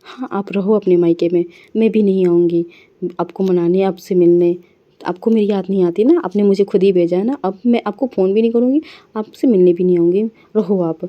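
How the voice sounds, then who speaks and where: A woman's voice: medium pitch, fairly even intonation, fast talker, muffled recording, close to an everyday voice. A woman voicing a young wife who sulks and snaps with hurt pride. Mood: sulky. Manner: sulky, indignant.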